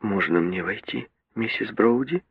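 A man voicing a proud young woman, prim and icy in manner, who breaks into sobbing, shrill outbursts, in a literary reading. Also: normal speed, breathy edge, no echo. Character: proud young woman, stiff, then hysterical. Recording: dull, muffled radio recording.

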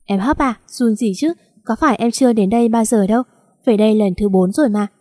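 A woman reads the part of a heartbroken young lover in an audio story. He pleads and cries out in anguish, in a mellow, fairly high voice. The recording is dry and close. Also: brisk, no room sound, lightly acted. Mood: tender.

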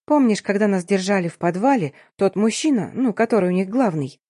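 A young woman friend, half frightened and half teasing, who keeps her voice low and conspiratorial, as a female reader puts her on. Her whispering is soft and secretive, with a sly playful edge. The sound is close and dry, with no room around it. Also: lively intonation, fairly quick, no room sound, close to an everyday voice. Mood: worried whisper.

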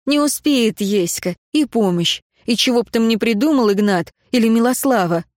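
A woman's voice: a little high, animated, normal speed, darkish tone, no room sound, studio quality. A woman reading an audiobook in folksy, archaic first-person narration. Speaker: audiobook reader.

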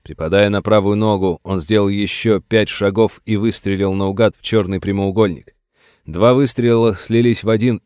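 Low-voiced male audiobook narrator. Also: smooth, dry recording, studio quality. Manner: steady, dramatic storytelling.

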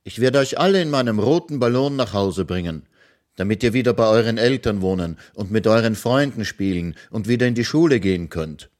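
A man voicing a brave little boy who frees kidnapped children, in a raised, bright storybook voice. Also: fairly low pitch, animated, brisk, pitched above the performer's own voice, close to an everyday voice. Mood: proud, eager. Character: brave little boy hero, eager and proud.

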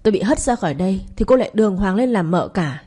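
A woman's voice: mid-range voice, animated, fast talker, warm tone, husky. A woman playing a proud, tearful young wife. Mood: bitter. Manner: tearful, pleading, bitter.

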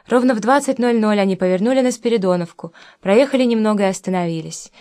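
A woman reading a novel aloud as an audiobook narrator, in a calm, even way. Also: medium pitch, fast talker.

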